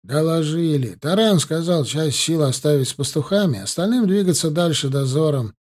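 A man's voice: on the high side, expressive, moderate pace, darkish tone. A man doing a grumbling border soldier. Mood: reporting. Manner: grumbling, matter-of-fact reporting.

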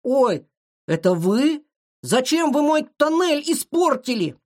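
A tiny bespectacled mole, as the storyteller puts him on, normally gentle but now in a fury over his tunnel. He shrieks his words high above the narration and stretches them out slowly. A storybook voice full of swooping, lively pitch. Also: exaggerated voice. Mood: puzzled. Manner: shrill, slow, shouting. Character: small kind mole in glasses, furious digger. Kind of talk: children's audiobook character voice.

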